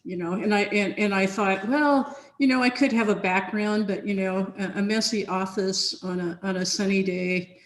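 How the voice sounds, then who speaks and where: On a video call from her home office with big sunny windows, a woman researcher on a software team chats casually in a chain conversation, rambling with lots of fillers and restarts. Her voice is medium-pitched and steady, at a normal speed with few pauses, picked up by her computer.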